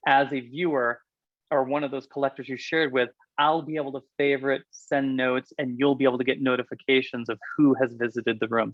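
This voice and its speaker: A man talks quickly through a software demo in a chatty, explaining way, and his voice sits in the middle range. The sound is dry and a little dull, like a computer mic on a video call. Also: medium pitch, no room sound. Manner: fast, chatty, explanatory with fillers. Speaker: product presenter. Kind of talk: webinar software walkthrough.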